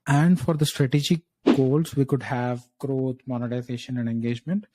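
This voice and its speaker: A man speaking as a job interview candidate, thinking aloud through structured answers with hesitant pauses and frequent checking tags. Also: mid-range voice, fairly even intonation, dark tone, rough recording.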